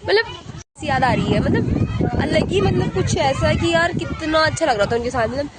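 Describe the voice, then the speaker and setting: A young woman vlogging on her phone from a windy village rooftop, her voice hoarse from shouting, chatty and wistful, repeating herself. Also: high voice, lively intonation, fairly quick, over a noisy crowd. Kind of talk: casual vlog chat.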